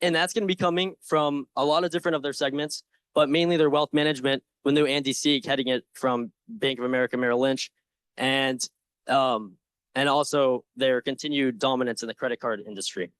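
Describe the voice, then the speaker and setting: A young man confidently and earnestly giving a prepared investment pitch with slides, with some informal asides. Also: steady tone, brisk, a bit bright, smooth, no room sound. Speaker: presenter in a stock pitch competition.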